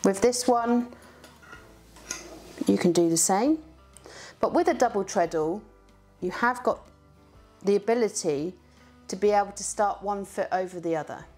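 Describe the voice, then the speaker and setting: A woman talks through a spinning wheel lesson in a relaxed, chatty way. She encourages the listener and counts out beats aloud as she treadles, with soft music faint in the background. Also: medium pitch, unhurried, pauses often. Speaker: spinning teacher. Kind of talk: casual how-to demonstration.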